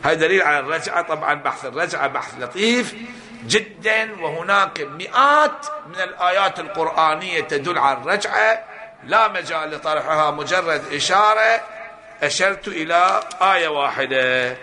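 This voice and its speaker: A man's voice: on the high side, lively intonation, brisk, bright, forceful tone. A man giving a religious lecture, emphatic, often asking and then answering his own rhetorical questions. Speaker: preacher.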